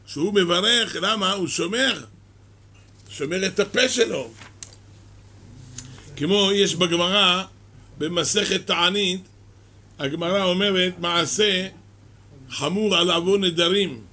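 Male Torah teacher, unhurried storytelling lesson, high and bright tone. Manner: slow, measured, storytelling delivery.

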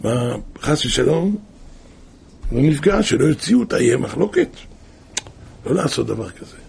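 Gravelly animated Hebrew preacher man. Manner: animated storyteller with wide pitch swings. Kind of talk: animated moral storytelling sermon.

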